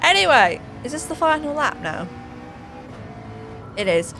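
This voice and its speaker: Slow-talking woman commentating a race. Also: sits high, very animated, pushed and bright, faint music behind. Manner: playful, teasing, self-mocking asides. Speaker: channel host commentating a sim race.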